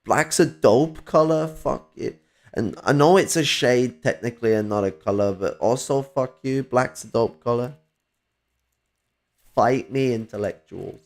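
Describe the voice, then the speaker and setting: Streaming a casual political chat, this Northern English man speaks at a measured pace with a medium pitch, some vocal fry and a somewhat mellow tone, though a bit whiny. He wanders off topic, curses often, and keeps restarting sentences amid plenty of fillers.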